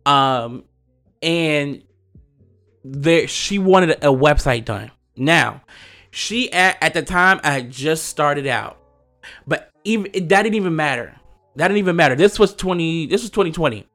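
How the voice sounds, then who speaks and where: A man hosting a podcast, telling a personal story in a casual, animated way, laughing often and acting out the voices he quotes. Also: on the high side, unhurried, soft background music. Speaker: podcast host.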